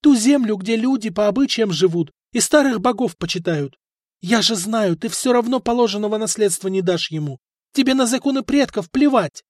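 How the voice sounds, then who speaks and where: Audiobook: male narrator as a lonely young princess, high, pleading and tearful, snapping into shrill outbursts. Dry close read. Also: lively intonation, moderate pace, darkish tone, no room sound.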